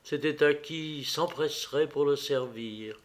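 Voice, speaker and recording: A man narrating a classic story as an audiobook in a measured, expressive way. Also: a little high.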